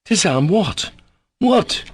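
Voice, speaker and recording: Audiobook figure: a man playing an agitated, imperious young nobleman, raised and loud, husky. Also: high-pitched, sing-song, slow, voice pushed up, full character voice. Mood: furious. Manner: shouting, peremptory.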